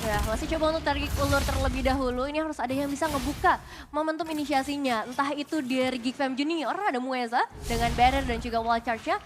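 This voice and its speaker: Very high-pitched Indonesian female esports caster. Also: fast, background noise. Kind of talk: live game commentary. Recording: loud music under the voice. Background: loud music.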